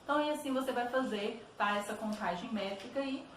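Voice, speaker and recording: A woman's voice: a little high, a little fast. A Brazilian woman teacher explains exercises to her students patiently, checking in often with little questions. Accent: Brazilian Portuguese. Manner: patient, repeats "tá bom?" checks. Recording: roomy echo, distant mic, faint noise.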